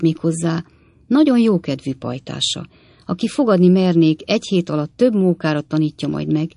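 A measured audiobook narrator reading a classic novel aloud. The voice has a gravelly edge. It is recorded dry and close, with no room sound. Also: mid-range voice, mellow, dry recording.

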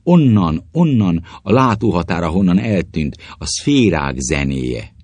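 A man's voice: big pitch swings, darkish tone, slightly rough, no echo, full character voice. A man voicing a proud, cold male alchemist in a story reading, with a rapt, incantatory delivery. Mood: rapt visionary. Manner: rapt, incantatory, sweeping pitch. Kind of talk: audiobook reading.

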